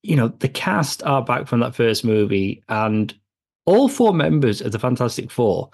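A man co-hosting a comics film podcast, talking casually and a little haltingly about a movie. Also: medium pitch, very animated, vocal fry, a little mellow. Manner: chatty, with filler and restarts. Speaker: podcast co-host.

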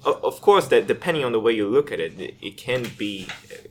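A man's voice: medium pitch, sing-song, fast, a little hiss or hum. A man in a casual group discussion, making his argument and often ending with "right?". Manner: argumentative, ends points with "right?". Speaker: discussion participant.

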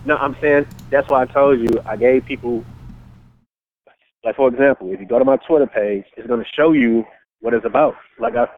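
A man calling in over the phone, talking in a casual, halting way that repeats words and leans on fillers. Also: mid-range voice. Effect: heard over a phone line. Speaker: caller pitching his book. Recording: tinny phone line with faint hiss.

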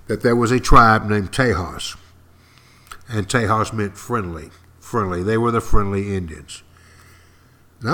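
An older man speaks in an East Texas accent at an average pitch. He tells history informally, like a podcast host talking straight to listeners. His delivery is folksy and wry, with deliberate pauses and repeated phrases for emphasis. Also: a bit bright. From East Texas, United States.

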